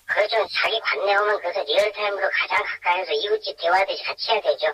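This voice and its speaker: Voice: mid-range voice, fast talker, crowd noise, low-quality recording. An anonymous caller speaking through an electronically disguised voice in a phone-in interview, blunt and full of rhetorical questions. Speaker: anonymous caller, former maritime safety worker.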